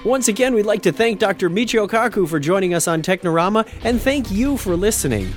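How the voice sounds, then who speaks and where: A man's voice: high voice, lively intonation, fairly quick, faint music behind. A man hosting a podcast, speaking in a presenter's wrap-up and sign-off style. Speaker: show host.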